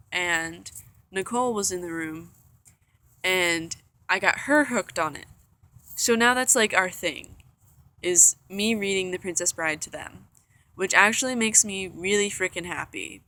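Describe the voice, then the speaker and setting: A young woman talks straight to the camera in a loose, rambling storytelling vlog, with lots of "like" and "um". Her voice is bright and forceful, set a little low for a woman. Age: young adult. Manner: chatty, rambling, full of "like" and "um". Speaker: vlogger. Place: indoor room.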